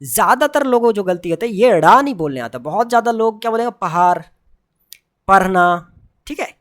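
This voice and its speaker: Woman teaching pronunciation slowly. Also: a little high, big pitch swings. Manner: repeats sounds slowly, contrasting right and wrong forms; mixes English phrases into Hindi. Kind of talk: online pronunciation lesson.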